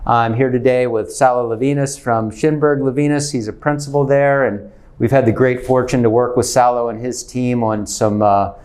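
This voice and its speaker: Male host, mid pitch, friendly interviewer with short acknowledgments. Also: steady tone, normal speed, darkish tone. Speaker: show host. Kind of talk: interview hosting.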